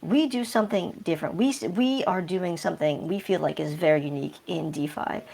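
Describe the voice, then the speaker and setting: A man speaking through a voice changer that pitches his voice deep, answering interview questions casually and hesitantly with many fillers. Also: fairly quick, creaky, a little mellow, a little hiss or hum. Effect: voice changer, pitch shifted deep. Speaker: project developer guest.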